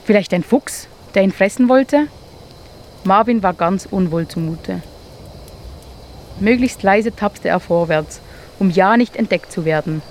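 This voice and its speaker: A woman reading a children's story aloud, as if to listeners gathered around a campfire. Her voice sits at a middle pitch and moves calmly and invitingly. A faint hum of noise stays in the background. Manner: calm, inviting, measured.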